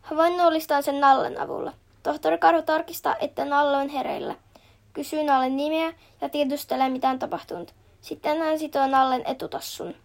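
A woman reading a children's picture book aloud, steady and clear, noting each page turn. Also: high-pitched. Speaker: storybook reader.

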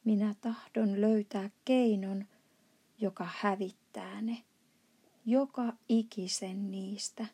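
A woman reading aloud plays a good-hearted giant from a storybook who fusses tenderly over a small friend. He talks softly, with a warm, breathy, slightly gravelly voice. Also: medium pitch, steady tone. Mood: fond, indignant. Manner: soft and fond, turning to outbursts. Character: kind, gentle male giant with broken grammar.

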